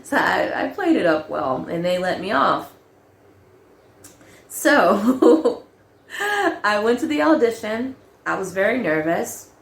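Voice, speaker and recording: A young adult woman casually telling a personal story, animated, laughing often and acting out quoted lines. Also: medium pitch, takes it slowly, creaky, long pauses, echoey room.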